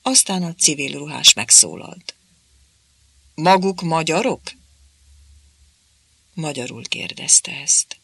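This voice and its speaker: A man narrating a novel as an audiobook, in steady, plain storytelling. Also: a little high, vocal fry, slightly rough, no echo.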